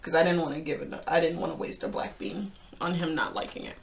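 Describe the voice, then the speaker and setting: A woman's voice: sits low, fairly even intonation, fast, creaky. Chatty woman vlogger eating spicy food. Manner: chatty, laughs often while eating. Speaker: host. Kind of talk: casual reaction chat.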